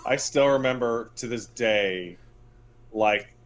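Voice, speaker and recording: A podcast co-host with a mid-range voice talks slowly in a casual chat about video games. His way of telling things is blunt, profane and emphatic.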